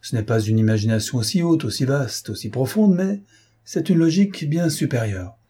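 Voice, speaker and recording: A man's voice: mid-range voice, expressive, normal speed, mellow, breathy edge. A man voicing a brusque, self-important older male philosopher who talks in an impatient, lecturing way.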